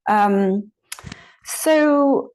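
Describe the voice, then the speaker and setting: A woman's voice: mid-range voice, very slow, darkish tone, low-quality recording. A woman teaching informally and answering questions, in a conversational, encouraging way with frequent little check-ins. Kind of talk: informal guided teaching on meditation.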